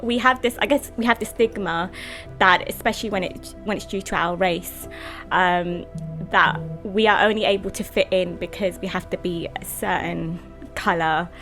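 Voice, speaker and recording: A woman's voice: lowish voice, normal speed, bright, forceful tone, faint music behind. A woman co-hosting a casual podcast chat, conversational and full of "you know" fillers.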